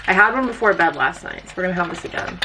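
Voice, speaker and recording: A woman's voice: fairly low pitch, animated, racing, noisy background. A young woman chatting casually in a vlog, upbeat and full of "like". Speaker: vlogger. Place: home kitchen.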